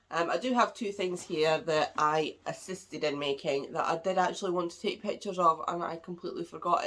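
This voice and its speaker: Her voice is fairly low, bright and forceful, though a cold makes it congested and a little nasal. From home, she hosts a craft podcast, talking casually about crafts and rambling slightly.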